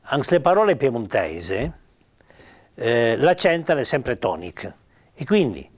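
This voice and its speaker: A man with a Piedmontese accent explaining pronunciation in an informal lesson. His pitch rises and falls a lot, and he says sample words patiently and slowly, one at a time. He fills his pauses with hesitant "ehm" sounds. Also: sing-song. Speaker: writer explaining spelling.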